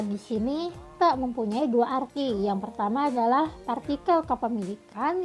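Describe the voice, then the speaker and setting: A woman's voice: on the high side, a little mellow. A woman teaching a recorded Mandarin lesson, pronouncing example sentences carefully and repeating them as drills.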